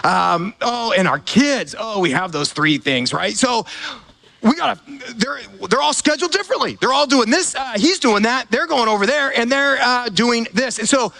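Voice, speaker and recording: A man giving a sermon at a church gathering, with a very high, bright and forceful voice. He talks to the congregation like a friend, stacking up fillers and stumbling repeats as he goes. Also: expressive, moderate pace, gravelly. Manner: conversational, full of fillers and repeated words. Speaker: pastor.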